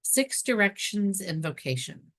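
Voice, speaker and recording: A woman hosting a show, calmly reading aloud from a spiritual book and adding chatty asides. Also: medium pitch, a little slow.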